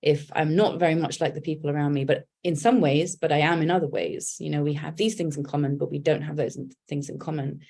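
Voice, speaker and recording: In a relaxed interview, an English woman in her forties, a poet and writer, discusses her creative work in a low, creaky voice. She talks fast with hardly any pauses, candid and reflective, often using fillers and restarting as she collects her thoughts.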